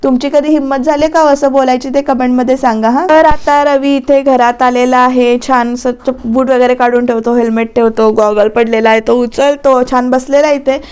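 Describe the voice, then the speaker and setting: A woman's voice: high voice, steady tone, moderate pace, hardly any pauses, darkish tone, clean tone. A woman narrating a casual voice-over recap of a TV serial, chatty and speaking to her viewers.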